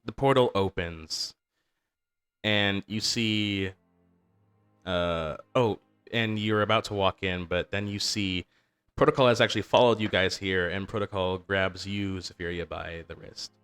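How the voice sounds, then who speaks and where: A young man with a lowish voice narrates as the game master of a tabletop session. He rambles, restarts often and leans on fillers. Faint music plays underneath. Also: steady tone, measured pace, a bit bright, clean tone.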